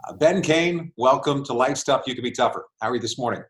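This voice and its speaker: A man's voice: mid-range voice, quick pace, husky. A man hosting an interview podcast, reading an introduction and asking questions with frequent repeated words. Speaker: podcast host.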